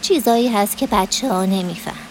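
A woman's voice: medium pitch, darkish tone, slight background noise, natural voice. Woman playing a pious old grandmother. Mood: soothing. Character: older traditional grandmother, pious and soothing.

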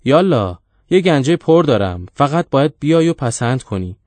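Play a crude ancient witch woman from a storybook, shrill and screeching, sneering at everyone, as a man reading it. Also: sing-song, a little mellow, no echo, natural voice. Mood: sly.

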